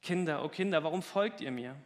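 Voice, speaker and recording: A man reading aloud and voicing a great lion king who speaks slowly, gently and sorrowfully. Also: fairly high pitch, lively intonation, big-room sound, lightly acted. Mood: sad gentle.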